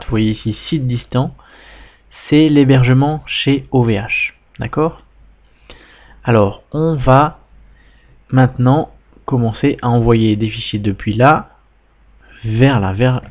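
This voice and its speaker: A man, patiently walking viewers through a software tutorial step by step, often checking "d'accord?". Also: mid-range voice, lo-fi sound. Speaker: web tutorial instructor. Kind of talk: screen-recorded software tutorial.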